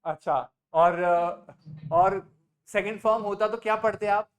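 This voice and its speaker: A man's voice: sits high, steady tone, slow. A man with an Indian accent teaching an online spoken English class, patiently quizzing students by name and mixing Hindi with English.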